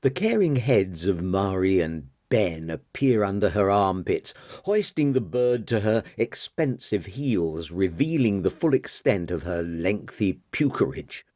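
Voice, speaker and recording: A male audiobook narrator with a lowish voice and a dramatic, expressive reading. He takes his time and swings his pitch widely through the sentences. The recording is close and dry. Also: measured pace, few pauses, no echo. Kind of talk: scripted narration.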